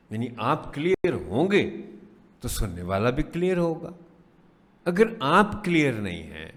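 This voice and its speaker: A man's voice: mid-range voice, long reverb tail. A man giving an earnest spoken lecture to teachers, asking rhetorical questions and urging them on. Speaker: teacher trainer.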